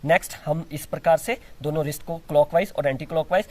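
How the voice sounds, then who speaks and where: High-voiced man teaching yoga. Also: steady tone, fast talker, a little mellow. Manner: explains step by step with frequent restarts, mixing in English terms; demonstrates exercises while talking. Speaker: yoga instructor. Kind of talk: instructional demonstration.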